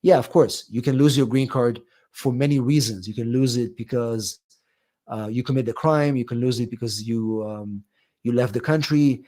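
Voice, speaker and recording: Warm and mid-range, the immigration lawyer's voice keeps a moderate pace as he hosts a live stream taking viewer questions. He reads each one aloud and answers casually, with lots of fillers, ums and restarts.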